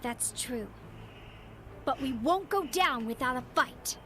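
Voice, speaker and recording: An actress playing a blunt, sharp-tongued young female rebel leader. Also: sits high, animated, takes it slowly, slight background noise, heavily acted.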